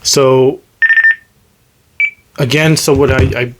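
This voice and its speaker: The recording is very noisy, and a man speaks at medium pitch with fairly even intonation and a slow pace. As host, he demonstrates radio gear casually and hands-on, talking in a hesitant, unscripted, self-deprecating way.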